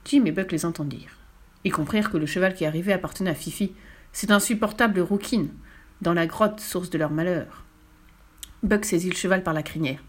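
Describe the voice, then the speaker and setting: A woman's voice: lowish voice, a little fast. Woman reading a children's storybook. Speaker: audiobook reader.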